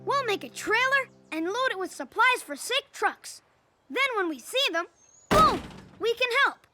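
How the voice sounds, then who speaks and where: A woman's voice: very high-pitched, very animated, measured pace, heavily acted. A woman voicing an eager young boy dump truck in a children's cartoon, bouncy and stubborn.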